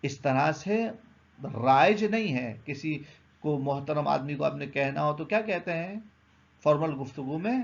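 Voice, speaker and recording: A man's voice: on the high side, expressive, vocal fry, highs cut off. A man teaching a beginner grammar lesson, patiently explaining, asking questions and then answering them himself.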